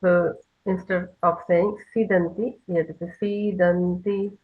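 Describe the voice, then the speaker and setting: A woman teaching a children's lesson over a video call, slowly leading call-and-response recitation. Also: lowish voice, steady tone, breathy edge, phone-quality sound. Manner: slow, patient call-and-response chanting.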